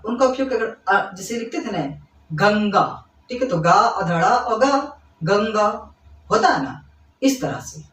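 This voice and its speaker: A man's voice: high-pitched, a bit bright, far from the mic. A man teaching grammar to school students. He keeps checking that they follow along and calls them kids. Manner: explains by repeating, checks in with "ठीक है" and quick questions to students; addresses students fondly as kids. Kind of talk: classroom-style lesson explanation. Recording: echoey room, away from the mic.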